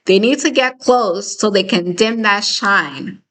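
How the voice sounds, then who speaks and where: Bright-voiced woman hosting a live chat. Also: mid-range voice, takes it slowly. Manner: conversational, emphatic, frequent "okay?" and "right?" check-ins. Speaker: host of a live discussion. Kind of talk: casual live-stream talk reading viewer comments.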